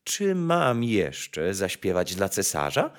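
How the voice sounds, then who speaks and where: A man voicing a gentle, modest little nightingale in a storybook reading, speaking low and quietly. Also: huge pitch swings, slow pace, full character voice.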